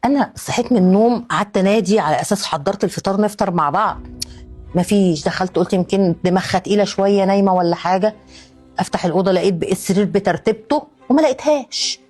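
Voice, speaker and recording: A woman playing a scheming middle-aged mother-in-law who talks smoothly and dismissively. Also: medium pitch, fast, darkish tone, soft background music, close to an everyday voice.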